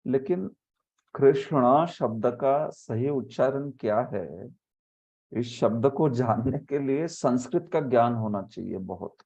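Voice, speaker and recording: A man leading a scripture class who explains by example and sounds out words slowly. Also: medium pitch, lively intonation, creaky, darkish tone. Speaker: spiritual teacher. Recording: muffled lo-fi audio.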